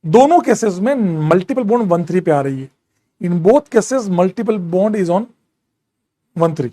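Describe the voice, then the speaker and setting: A man's voice: high-pitched, expressive, slow, warm tone. A man teaching a live chemistry class, mixing English into his talk, counting atom numbers aloud and teasing and scolding students while he reads out and answers their questions. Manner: Hindi-English mix, scolds students jokingly.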